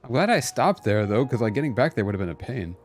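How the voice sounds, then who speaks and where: A man at medium pitch talks quickly with big pitch swings, bantering casually and playfully with viewers as he streams a game. He exclaims frequently, and there's game music plus slight background noise.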